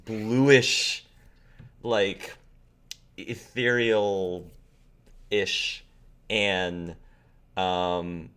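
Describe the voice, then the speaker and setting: A man's voice: lowish voice, a bit bright. A man narrating a tabletop game as game master in a casual, conversational way.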